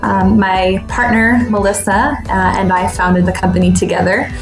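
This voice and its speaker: Woman from New York, mid-pitched, friendly and relaxed interview guest, roomy echoey sound. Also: moderate pace, music in the background. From New York State, USA. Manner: friendly, relaxed, frequent ums and uhs. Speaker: guest, dance instructor. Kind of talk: casual interview answers.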